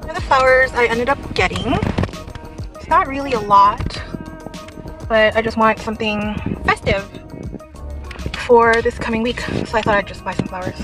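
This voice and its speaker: Chatty woman vlogging over loud music. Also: a little high, moderate pace, pauses often, poor audio. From Philippines. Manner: chatty, rambling with fillers and restarts. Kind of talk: casual vlog chat. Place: car at night, then small room at home. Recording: loud music bed under the voice.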